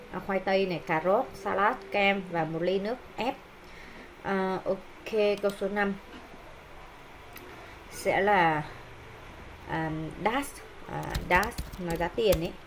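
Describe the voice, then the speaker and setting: A woman teacher explaining English textbook exercises with many hesitations and pauses. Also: mid-range voice, slight background noise, poor audio.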